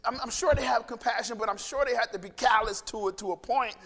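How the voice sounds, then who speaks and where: A man's voice: very high voice, quick pace, fairly bright tone, long reverb tail. A man preaching a sermon in a conversational style, acting out the voices he quotes, then leading a closing prayer. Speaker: pastor.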